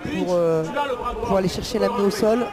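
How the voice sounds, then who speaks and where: A man's voice: high-pitched, normal speed. A man giving live MMA commentary on the fighters and the action. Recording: loud music and crowd behind. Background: music and crowd.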